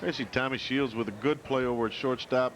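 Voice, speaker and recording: A man's voice: medium pitch, steady tone, a little fast, a bit bright. A man giving conversational baseball color commentary in a folksy, colloquial way. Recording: noisy outdoor ballpark broadcast. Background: ballpark noise.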